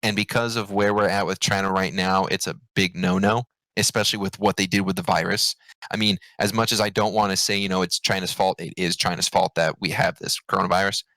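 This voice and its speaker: A man with a low voice talking casually as a podcast co-host. He gets animated and jumps up in pitch when excited. The sound is dry and close. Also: fairly quick, no room sound, rough recording. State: hiccups.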